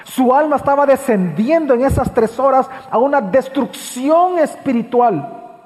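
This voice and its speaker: Male pastor, high voice, sermon in a church hall with long reverb; repeats lines for emphasis, loud-to-hushed swings. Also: animated, unhurried, breathy edge. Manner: preaching with sharp swings between loud high passages and low hushed ones.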